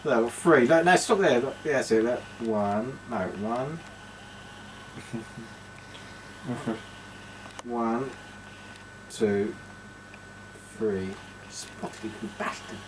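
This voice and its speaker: A man's voice: medium pitch, extremely slow, pauses often, noisy background. A man filming his friends in a bedroom, bantering playfully on a home video from the early nineties, recorded on an old VHS camcorder tape. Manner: joking, playful. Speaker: camera operator filming friends. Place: bedroom, indoors. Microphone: built-in camcorder mic.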